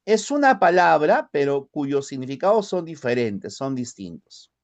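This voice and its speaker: Peruvian guy from the highlands, lima accent, teaching a class, higher voice, really animated, keeps checking in w/ the students. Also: unhurried. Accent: Lima Spanish. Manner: checks in often with tag questions. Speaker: language teacher. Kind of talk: classroom lecture.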